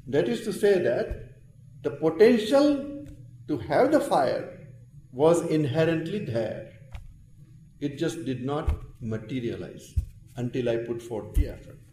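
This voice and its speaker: A man's voice: fairly high pitch, very animated, slow pace, pauses often, dark tone. A man with an Indian accent giving a spiritual lecture as a teacher of scripture, explaining with emphatic phrasing. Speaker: Vedanta teacher. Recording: roomy echo with faint background noise.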